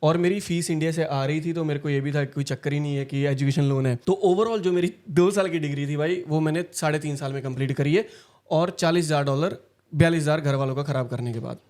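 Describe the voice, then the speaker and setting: A young man from India telling his story in a casual interview, talking quickly and packing in fillers. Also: fairly high pitch, darkish tone. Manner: fast, storytelling, frequent fillers.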